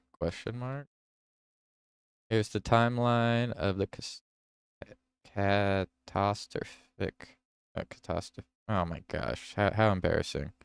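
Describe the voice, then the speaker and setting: A man hosting a casual livestream reads news headlines aloud, stopping to react and correct himself. His voice sits low and moves at an unhurried pace. The sound is crisp, close and dry, with no room around it. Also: no echo. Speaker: livestream host.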